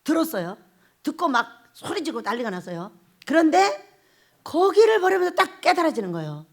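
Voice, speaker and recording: A woman pastor preaching a Sunday sermon at a prayer retreat, laughing often and asking the congregation questions as she goes. She jumps from loud exclamations down to low, quiet murmurs. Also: brisk, gravelly. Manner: animated preaching with frequent laughter and rhetorical questions.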